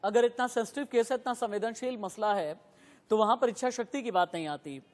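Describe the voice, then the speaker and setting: A man's voice: fairly quick, darkish tone, big-room sound. A man moderating a TV news debate who firmly keeps order among his guests. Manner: firm, repeatedly tells a guest to lower his voice.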